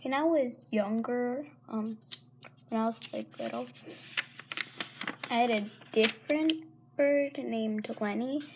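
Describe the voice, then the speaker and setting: Heavy background noise surrounds this teenage girl as she records a casual pet vlog on a handheld phone indoors in a carpeted room. Despite a sore throat she sounds animated, her pitch fairly high and her pace slow with many pauses, as she rambles, apologizes and frequently half-whispers.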